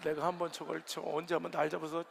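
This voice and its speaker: High-pitched gravelly pastor in a reverberant church. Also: male voice, quick pace, a little hiss or hum. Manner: swings from loud, excited exclamations to quiet, low confiding. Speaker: senior pastor. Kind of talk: animated storytelling sermon. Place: large church sanctuary. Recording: long hall reverb.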